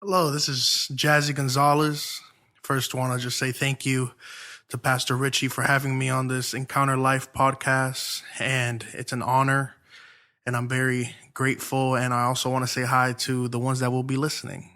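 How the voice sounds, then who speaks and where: A man's voice: medium pitch, completely flat delivery, moderate pace, bright, forceful tone. A young man from Ohio, a church music minister who is a podcast guest, talking in a laid-back, friendly way with some restarts. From Lorain, Ohio. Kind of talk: casual interview talk.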